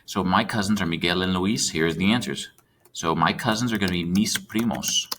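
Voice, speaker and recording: A man's voice: low-pitched, moderate pace, a bit bright. A man teaching a recorded Spanish lesson, chatty and checking in with his students as he types. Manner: chatty, checks in with students, talks while typing.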